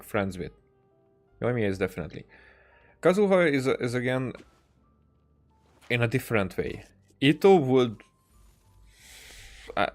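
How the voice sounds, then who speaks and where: A livestreamer with a lowish voice plays a game and gives casual, rambling commentary. He speaks haltingly, often repeating himself and restarting phrases.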